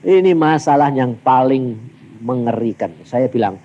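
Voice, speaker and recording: A man's voice: mid-range voice, a little slow, highs cut off, a little hiss or hum. A man with a Javanese accent preaching a sermon, telling stories and acting out both sides of each exchange. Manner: animated storytelling, acting out dialogues with big vocal swings. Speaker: evangelist preacher.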